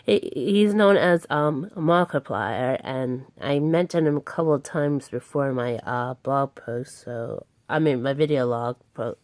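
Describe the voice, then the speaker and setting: A woman's voice: a bass voice, measured pace, few pauses, a little mellow, no room sound. A young woman chatting casually to her viewers, recorded as a phone video, rambling with many ums and stunned exclamations. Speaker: vlogger. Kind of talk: casual vlog chat.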